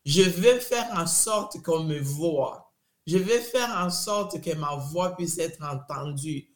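A middle-aged woman with a Congolese French accent, speaking with deliberate emphasis and frequent restarts. Her voice carries a noticeable room echo, as if recorded in an open space. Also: on the low side, lively intonation. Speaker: interviewee, immigrant community advocate. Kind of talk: earnest interview answer. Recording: roomy echo.

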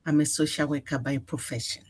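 A woman in her sixties from Ghana, answering radio interview questions in an earnest, measured way with frequent fillers. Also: low-pitched, fairly even intonation, slightly rough. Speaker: executive director, guest.

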